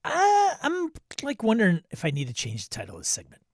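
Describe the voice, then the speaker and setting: A man's voice: high-pitched, wildly swooping pitch, brisk, dry recording. A man from the United States co-hosting a podcast, talking casually with lots of fillers and trailing-off sentences, poking fun at himself. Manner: chatty, self-deprecating, trails off into filler. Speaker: podcast co-host. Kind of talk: casual chat.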